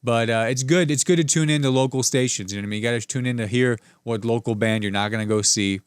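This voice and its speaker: A man's voice: medium pitch, quick pace, clean tone, no echo, studio quality. A young man hosting a solo podcast, riffing on the week's news with sarcastic, rambling jokes and asides. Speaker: podcast host. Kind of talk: solo comedic news commentary.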